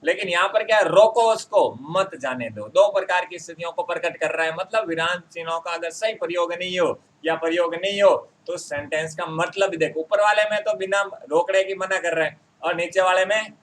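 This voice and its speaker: High-pitched, bright male grammar teacher. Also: steady tone, poor audio. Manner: addresses viewers as friends, repeats example sentences slowly. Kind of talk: exam-prep grammar lesson.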